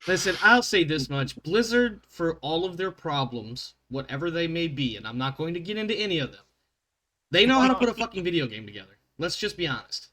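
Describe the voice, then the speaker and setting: Male game master, bright upper-register voice, sweary casual banter, self-interrupting. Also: on the high side, very animated, a little fast. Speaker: game master and show host. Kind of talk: casual tabletop group banter.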